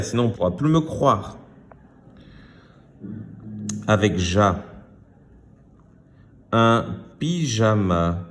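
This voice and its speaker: Slow, deliberate male teacher voice. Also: on the low side, a little hiss or hum. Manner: slow, deliberate, repeats words for children; pronounces sounds with emphasis. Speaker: primary school teacher. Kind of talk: reading lesson for young children.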